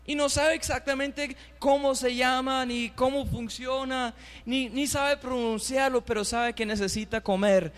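A man preaching a sermon to his congregation. He reads scripture aloud, asks them to repeat after him, and builds fervently into loud, emphatic bursts. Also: very high-pitched, fairly even intonation, measured pace, few pauses, big-room sound.

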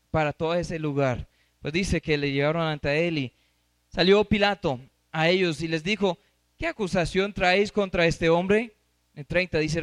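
A man's voice: high-pitched, a bit bright, no echo. A man preaching and teaching from scripture. He reads passages aloud and stops to quiz his listeners. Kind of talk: Bible teaching.

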